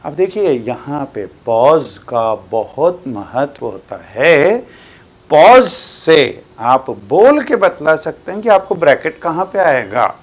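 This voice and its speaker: A man's voice: on the high side, very animated, slow. An older man with an Indian accent teaching a classroom maths lesson, explaining patiently with emphatic stresses.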